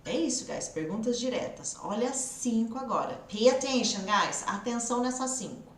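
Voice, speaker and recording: Here the same kind of online English lesson unfolds: a woman with a São Paulo countryside Brazilian accent, from the state's interior, drills her students with coaxing questions. Her voice is a little high and animated at a moderate pace, captured from a distance in an echoey room.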